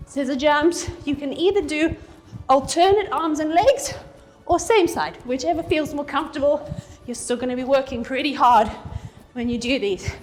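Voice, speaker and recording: A woman leads a workout class and does the moves herself, so she sounds a little out of breath. Her voice sits high, and she counts the reps aloud as she coaches. Faint music plays behind her. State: slightly out of breath. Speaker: fitness instructor. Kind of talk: workout instruction.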